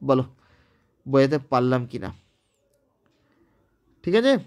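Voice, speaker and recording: With a sing-song, clear, resonant medium-pitched voice, a Bengali-accented teacher from West Bengal, India, talks a little slowly through a recorded online English grammar lesson. He goes step by step and keeps making sure his students have understood.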